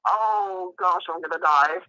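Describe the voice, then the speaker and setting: A man chatting as a guest on a casual livestream, excitable and giggly. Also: high voice, measured pace, no room sound. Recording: dry dull lo-fi stream audio.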